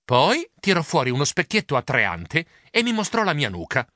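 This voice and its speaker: A man reading a children's story aloud in a lively, playful first-person narration on a close studio mic. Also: on the high side, normal speed, dry recording. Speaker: audiobook narrator.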